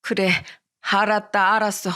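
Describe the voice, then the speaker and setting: A woman voicing a stubborn, dramatic middle-aged mother in a radio story, scolding and wailing in a drawn-out way. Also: medium pitch, level tone, a bit bright, natural voice. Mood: yielding. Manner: exasperated wailing, drawn-out complaints.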